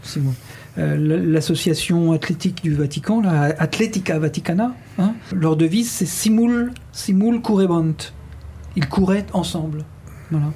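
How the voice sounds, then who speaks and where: A man's voice: fairly high pitch, moderate pace, mellow, slight background noise. A man hosting a radio show, talking casually with many fillers and restarts.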